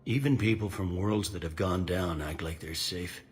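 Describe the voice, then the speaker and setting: In a video game, a man plays a weary, middle-aged security captain aboard a space station who is blunt, gruff and wry, brushing off questions with a laugh. His plain-spoken voice is low-pitched and close to an everyday voice, at normal speed.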